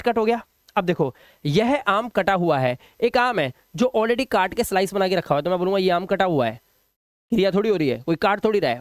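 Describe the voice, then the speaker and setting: A man teaching an English lesson in Hindi. He explains slowly, repeats each word and keeps checking "ठीक है?". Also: sits high, no room sound, clean studio sound. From India.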